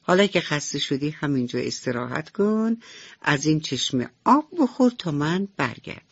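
A woman doing a brisk mother mouse. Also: low voice, expressive, slightly rough, dry recording, full character voice. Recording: slightly dull radio recording.

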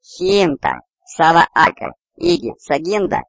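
A man voicing a tiny, eager furry alien baby with high, chirping squeaks. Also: wildly swooping pitch, a little slow, vocal fry, a bit bright, no echo, highs cut off, exaggerated voice.

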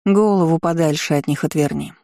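A woman's voice: on the low side, lively intonation, normal speed, dark tone, no room sound, clean studio sound, pitched above the performer's own voice, natural voice. A woman voicing a mocking, lazy and bossy ancient female dragon spirit in an audiobook.

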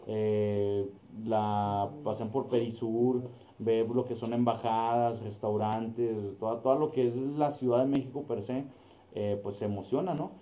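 A man's voice: lowish voice, steady tone, unhurried. Mexican male podcast co-host, casual storyteller, boxy phone-like audio, roomy and faintly noisy. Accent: Mexican Spanish. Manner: storytelling with acted quotes. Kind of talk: casual chat.

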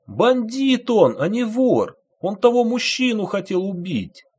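A man voicing a frightened woman passenger who shouts in alarm, in an audiobook. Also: high voice, big pitch swings, measured pace, slightly rough, pitched above the performer's own voice, full character voice. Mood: agitated.

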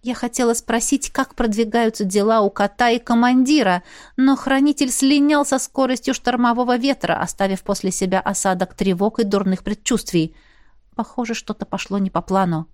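A woman reading a first-person fantasy audiobook in a lively, expressive way. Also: fairly high pitch, moderate pace, no room sound, studio quality. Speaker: audiobook narrator.

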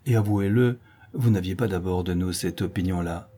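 A man voicing a gracious, gently persuasive young woman, softly coaxing, in an audiobook reading. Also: sits low, normal speed, husky, pitched below the performer's own voice.

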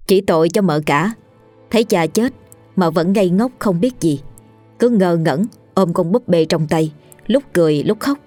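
A woman narrating a scripted ghost story in a steady, dramatic storytelling manner. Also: on the low side, no echo. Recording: dry studio voice with faint music.

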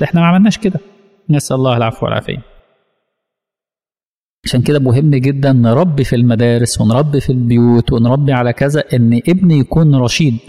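Fast-talking Egyptian man teaching religion. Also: a little high, warm tone. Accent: Egyptian Arabic. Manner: asks the audience rhetorical questions. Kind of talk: religious lesson. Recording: long hall reverb.

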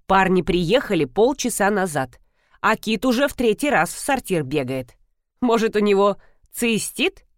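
Woman voicing a fussy, excitable older mother-in-law. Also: moderate pace, no echo, studio quality, close to an everyday voice. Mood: bustling. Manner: bustling, excitable, rising to high squeals.

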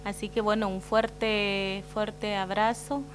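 A woman's voice: medium pitch, level tone, slow pace, a little hiss or hum. A woman with an Argentine Spanish accent co-hosting a community radio show, sending earnest greetings with fillers. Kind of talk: casual radio talk.

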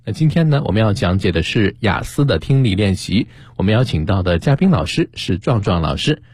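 A man's voice: fairly low pitch, fairly quick, breathy edge, no echo, clean studio sound. A man hosting a radio English-learning show, chatting with a guest teacher and affirming her points. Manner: lively, affirming interjections. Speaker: radio host. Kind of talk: radio English lesson chat. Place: radio studio. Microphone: studio microphone.

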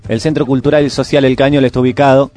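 A man with a Rioplatense Argentine accent presents a radio show, reading scripted music news and listings fast and flatly in a mid-range, darkish voice. He sometimes stumbles over words, and a music bed plays behind him.

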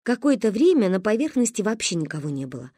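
A woman narrating a humorous storybook aloud, with lively, expressive telling. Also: medium pitch, fast, no echo, studio quality. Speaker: audiobook narrator.

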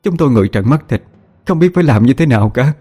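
A man's voice: on the low side, expressive, fairly quick, warm tone, breathy edge, faint music behind. A man voicing a grieving middle-aged mother who pleads through tears. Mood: pleading. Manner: pleading, tearful.

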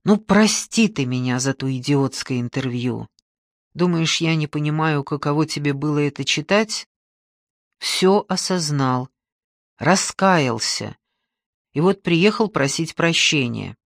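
An audiobook narrator voices a pushy middle-aged man with an easy, smooth-talking charm. His voice dips lower when he coaxes and wheedles. The read is dry and close to the mic. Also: animated, a little slow, no echo. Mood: pleading. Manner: breezy, wheedling, then pleading. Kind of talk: audiobook reading.

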